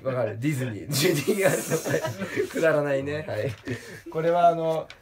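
A man casually presenting joke pictures, laughing at his own gags and jumping into a strained high voice for punchlines. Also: quick pace, crowd noise. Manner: laughs at his own jokes, lively pitch swings. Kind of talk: casual comedic talk with laughter.

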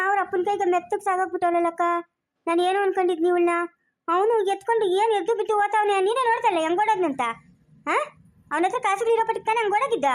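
A woman with a very high voice scolds quickly and sharply. She plays the elder of the household in an amateur family drama.

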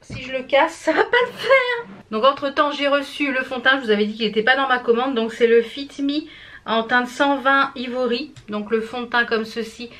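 A woman vlogging casually to camera, hoarse and out of breath, chatty and full of hesitant fillers. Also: high-pitched, steady tone, normal speed, a bit bright. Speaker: beauty vlogger. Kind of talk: casual vlog chat to camera.

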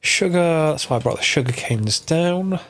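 A slightly high, lively-sounding man talks at a normal speed through a Minecraft mod tutorial, his voice bunged up by a cold. He's casual about it, voicing his thoughts and fixing errors as they come.

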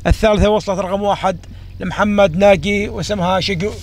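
A man's voice: high voice, steady tone, fast talker. A man with a Gulf Arabic accent giving live camel race commentary, repeating phrases for emphasis. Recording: outdoor recording with vehicle noise. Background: faint car and outdoor noise.

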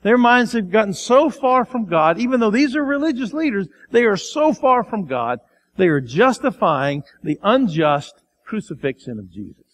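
A Midwestern American pastor preaching from the pulpit in a fairly high voice. He acts out the quoted voices in his story, climbing to loud cries and then sinking to near-whispers for weight. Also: sing-song, normal speed. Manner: acts out the crowd and Pilate in quotes, sometimes shouting; drops to a quiet, low voice for emphasis. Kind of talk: sermon.

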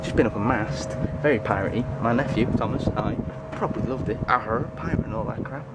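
A man's voice: medium pitch, fairly quick. A young man in his twenties casually vlogging to a handheld camera on the deck of a sailing ship, chatty and self-mocking. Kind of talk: casual self-filmed vlog. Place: deck of a tall sailing ship at sea, outdoors. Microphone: handheld camera at arm's length. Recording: loud wind noise on camera mic. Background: wind and sea.

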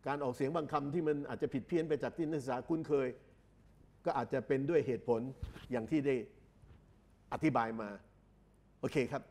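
A man's voice: a little high, a little mellow. Male tutor lecturing. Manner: explains slowly and repeats phrases, drawing out English words. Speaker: English exam tutor. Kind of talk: recorded lecture.

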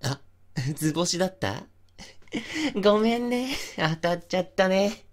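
A man playing an obsessive, possessive young stalker in an intimate ASMR voice drama, softly coaxing and teasing with menace. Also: sits high, lively intonation, takes it slowly, exaggerated voice.

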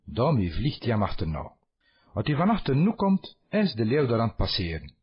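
Husky West Flemish man reading a fable. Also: mid-range voice, wildly swooping pitch, normal speed. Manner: reads line by line in dialect. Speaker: dialect reader. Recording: dull lo-fi recording.

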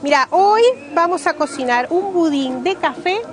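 A woman in her forties with a Rioplatense accent leads a cooking demonstration at an outdoor fair stand. Her voice sits high, and she explains each step in plain terms, often repeating herself. Clear music plays in the background of the open-air setting. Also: expressive, normal speed. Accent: Rioplatense Spanish. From Uruguay. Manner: simple step-by-step explaining, repeats key words. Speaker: pastry cook. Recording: music playing behind, outdoors.

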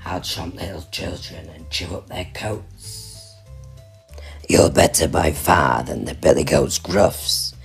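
A woman voicing a greedy, gleeful male troll in a deep growl for a read-aloud picture book. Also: slow, vocal fry, full character voice. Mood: greedy relish. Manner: gloating, relishing every word. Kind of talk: storybook reading. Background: soft music.

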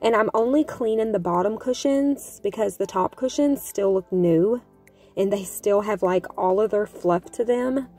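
A woman's voice: mid-range voice, normal speed. A woman vlogger chatting casually to her viewers in a voice-over, upbeat and friendly. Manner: chatty, upbeat, addresses viewers as you guys. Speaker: home vlogger. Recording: voice-over with soft background music.

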